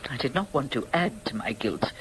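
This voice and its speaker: An actress with a bass voice plays a guilt-ridden, dignified, stern upper-class mother of advanced years in a radio drama. Her delivery is formal and precise yet very animated, with a guarded, remorseful mood. The poor audio carries a little hiss or hum.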